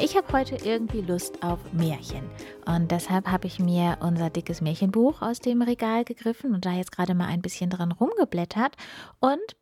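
A woman's voice: mid-range voice, a little mellow, no echo. A young woman hosting a storytelling show, welcoming listeners in a friendly, chatty way and then reading a fairy tale aloud. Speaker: storyteller host.

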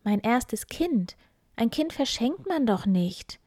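Young miller's daughter voiced by a woman, high pitched, pleading, dry close sound. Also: sing-song, moderate pace, a little mellow, no room sound.

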